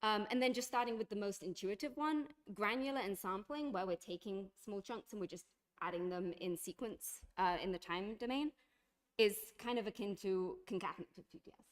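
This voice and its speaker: A woman's voice: mid-range voice, a little fast. A woman giving a university lecture, explaining step by step with frequent fillers and restarts.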